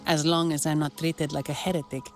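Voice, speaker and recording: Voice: medium pitch, flat delivery, brisk, lightly acted. An actor voicing a dry, sardonic adventurer in a video game. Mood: wry. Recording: game audio with music behind.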